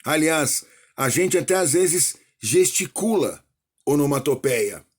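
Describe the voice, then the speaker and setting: A man's voice: fairly high pitch, expressive, slow pace, slightly rough. A male teacher explaining a grammar lesson, often checking in with "ok?" and getting livelier as he gives examples. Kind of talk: recorded online lesson.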